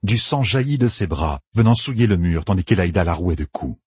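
A man narrating a fantasy audiobook with lively, dramatic reading. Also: sits low, a little fast, breathy edge, no echo.

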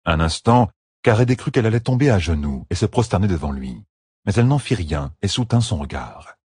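A man reads a fantasy audiobook in a steady, expressive way, his low, husky voice rising and falling freely. The sound is dry and close. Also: brisk, no echo. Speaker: narrator. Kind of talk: audiobook narration.

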